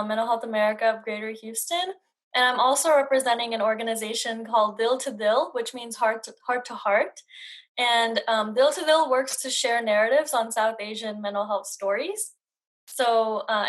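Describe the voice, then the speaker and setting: A woman's voice: fairly high pitch, a bit bright. A woman introducing herself on an online panel in a friendly, casual way. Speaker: program coordinator. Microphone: video call.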